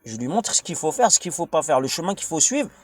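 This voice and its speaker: On the high side and very animated, this man talks fast on a dry recording. A French-accented vlogger from France and father of a young child, he delivers a crude, blunt, slangy monologue that rambles informally, digresses often, and circles back on itself.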